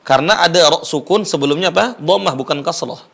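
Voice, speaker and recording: A man with an Indonesian accent, teaching Quran recitation slowly and patiently, repeating sounds for viewers to copy. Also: fairly high pitch, vocal fry, a bit bright. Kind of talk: Quran recitation lesson with chanted verses. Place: studio.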